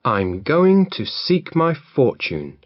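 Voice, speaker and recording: A man's voice: a little high, huge pitch swings, takes it slowly, no echo, dull audio, pitched above the performer's own voice, heavily acted. Man voicing bold young Jack. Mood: confident. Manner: plain, confident.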